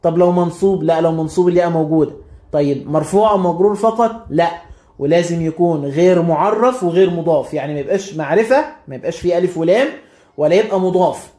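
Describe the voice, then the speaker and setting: A quick-paced man with an Egyptian accent teaches a grammar lesson. His voice sits high, and he keeps asking and answering his own questions. The room around him is echoey. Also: mellow. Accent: Egyptian Arabic. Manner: quizzes himself and repeats rules. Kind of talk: classroom explanation.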